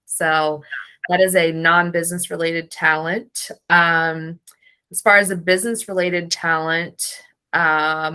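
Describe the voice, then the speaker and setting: A woman with a slightly low but sharp, bright voice speaks casually. She explains things slowly in a measured, matter-of-fact way. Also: clean tone. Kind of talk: casual conversation.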